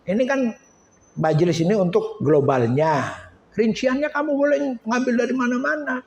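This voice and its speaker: Animated Betawi-accented man preaching. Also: very high-pitched, normal speed. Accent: Betawi Jakarta. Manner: animated storyteller acting out quoted voices, joking. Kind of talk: lively sermon with acted anecdotes. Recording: echoey room with faint noise.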